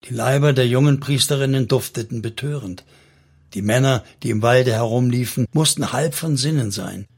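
A man narrating a historical novel as an audiobook in a measured, literary way. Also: mid-range voice, vocal fry, husky.

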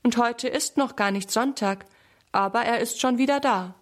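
A woman's voice: a little high, normal speed, close to an everyday voice. Woman reading as a serious little girl, matter-of-fact, storybook. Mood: earnest. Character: earnest, thoughtful little girl.

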